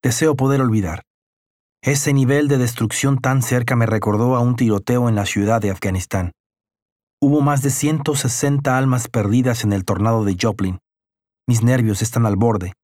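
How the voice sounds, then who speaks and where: A man's voice: medium pitch, normal speed, a little mellow, no echo. Somber male audiobook narrator, dry sound. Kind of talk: first-person audiobook narration.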